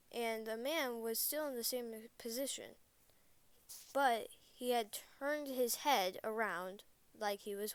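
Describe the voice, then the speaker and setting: A woman's voice: on the high side, clear, resonant tone, no room sound. A woman narrating a true scary story in first person, plain and a little hesitant, correcting herself as she goes.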